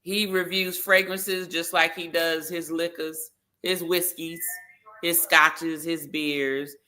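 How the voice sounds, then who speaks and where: A man co-hosting a podcast in casual chat, emphatic and animated, often breaking into laughter. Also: on the high side, takes it slowly. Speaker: podcast co-host.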